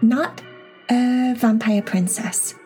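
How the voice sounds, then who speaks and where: A woman's voice: on the high side, steady tone, takes it slowly, mellow, faint music behind, pitched above the performer's own voice. A woman voicing Vaya, a playful girl who answers in a teasing, sing-song way.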